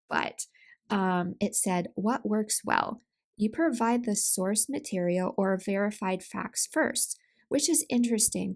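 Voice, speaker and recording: Woman chatting at her desk, kinda gravelly fry, talks off the cuff and corrects herself a lot. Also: medium pitch, darkish tone. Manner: chatty, conversational, with asides and self-corrections. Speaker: self-publishing vlogger. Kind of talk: casual talking-head advice.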